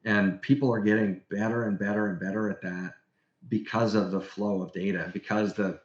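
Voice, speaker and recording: A man's voice: fairly low pitch, fairly even intonation, normal speed. A man guesting on a casual podcast interview, explaining with enthusiasm. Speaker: guest industry executive. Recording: roomy, dull podcast audio.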